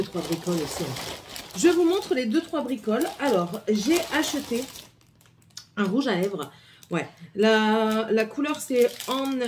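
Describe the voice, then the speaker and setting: A woman's voice: a little high, noisy background. A middle-aged woman with a French accent, chatting casually through a haul video with many hesitations and repeats. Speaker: vlogger.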